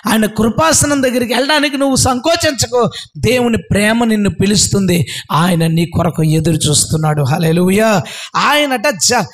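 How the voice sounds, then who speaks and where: A male preacher delivering an impassioned sermon, often shouting praise, then dropping to a hush. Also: high voice, normal speed. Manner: swings between loud and hushed.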